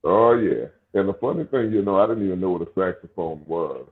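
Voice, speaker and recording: Deep velvet-voiced man on a phone-like line. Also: animated, brisk. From New Orleans, USA. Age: around 40. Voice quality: smooth, velvety low voice. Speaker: guest musician. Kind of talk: casual interview chat. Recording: thin, phone-like call audio.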